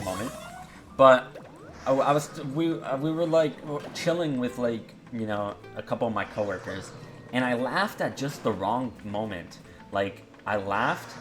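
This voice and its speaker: A young man from Canada with a fairly low voice talks through a confessional monologue. He rambles, swears freely and keeps restarting his sentences, sounding downcast. Faint music plays underneath. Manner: rambling, profane, full of fillers and restarts. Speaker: vlogger.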